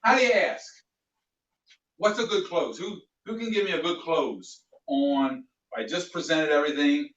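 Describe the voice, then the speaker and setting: Male sales trainer, fairly high voice, roomy and distant, dull recording. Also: moderate pace. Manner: animated, plays out customer dialogues. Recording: echoey room, distant mic, dull sound.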